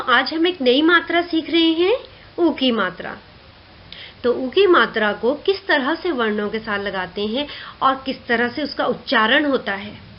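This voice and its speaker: A woman teaching a Hindi lesson to young children, drilling syllables clearly and often checking with the class. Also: fairly high pitch. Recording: dull lo-fi recording with faint hiss.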